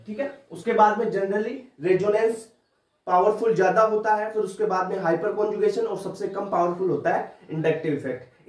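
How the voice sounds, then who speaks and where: A man's voice: high-pitched, darkish tone. A man, chatty and informal, hammering the same points again and again. His voice is picked up from some distance in a roomy, echoing space. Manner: informal, addresses student as "bhai" and "tu", repeats points to drill them. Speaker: chemistry teacher. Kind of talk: exam-prep lecture. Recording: roomy classroom audio, mic at a distance.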